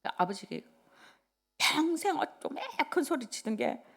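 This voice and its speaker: An older woman pastor preaching a sermon in an animated, conversational way, dropping into whispers between loud bursts. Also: high-pitched, a little slow, gravelly.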